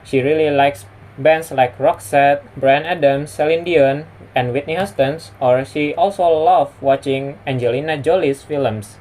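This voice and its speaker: A man's voice: a little high, a little slow, darkish tone, low-quality recording. A young man from West Sumatra, a native Indonesian and Minang speaker with an Indonesian accent, giving a prepared personal presentation as a student. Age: young adult.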